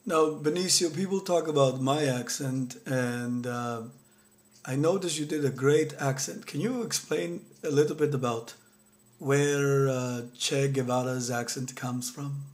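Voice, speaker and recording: A man interviewing a guest, asking polite, halting questions. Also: mid-range voice.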